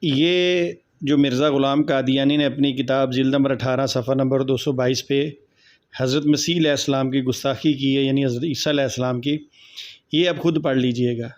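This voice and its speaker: A man's voice: mid-range voice, fairly even intonation, moderate pace. A man hosting his channel, introducing a video in an earnest, explanatory way. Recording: dull, lo-fi recording.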